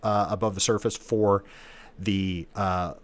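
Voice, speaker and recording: At a measured pace and in a level tone, a man with a lower voice hosts and instructs an aviation lesson. He keeps it informal and conversational while explaining each step using technical jargon.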